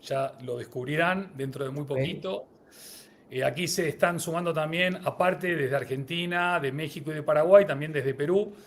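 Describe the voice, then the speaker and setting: A man's voice: a little high, normal speed, few pauses. A man co-hosting a live-streamed podcast, greeting viewers and running a word-association game. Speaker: podcast co-host.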